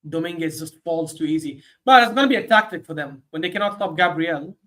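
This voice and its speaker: Man, football watchalong host, live match commentary, excitable, muttering then shouting. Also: quick pace. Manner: excitable, swings from low muttering to sudden shouts.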